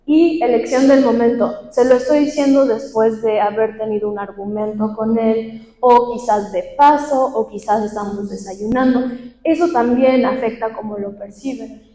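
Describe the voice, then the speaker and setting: A woman's voice: a little high, moderate pace, dark tone. Young woman teaching in an echoey hall. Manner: conversational teaching with questions to the audience. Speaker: workshop speaker. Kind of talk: talk to a live group. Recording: echoey hall with long reverb.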